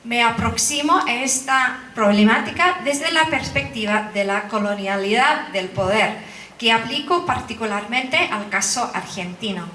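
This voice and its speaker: A woman conference speaker reads an academic paper from a script, careful and measured, with hesitations. Her voice is fairly high, expressive and sharp-toned, and she sounds far from the mic. A large hall echoes around her, with a little hiss or hum.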